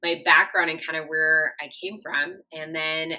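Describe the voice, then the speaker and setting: Guest: woman, 30s, from Japan, low voice, bright tone, chatty storyteller. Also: level tone, measured pace, poor audio. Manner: chatty, warm storytelling with frequent fillers. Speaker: podcast guest. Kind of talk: casual interview talk.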